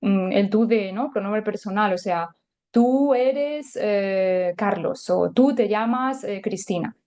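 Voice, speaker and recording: Mellow-voiced woman teaching a language. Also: medium pitch, takes it slowly. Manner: chatty and explanatory, many filler words. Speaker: German teacher. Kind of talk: podcast language lesson.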